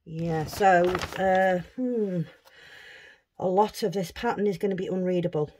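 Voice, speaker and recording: Low-voiced, slow-talking woman vlogger, casual unboxing chat. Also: mellow, slight background noise. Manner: chatty, thinking aloud while handling items. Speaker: craft vlogger.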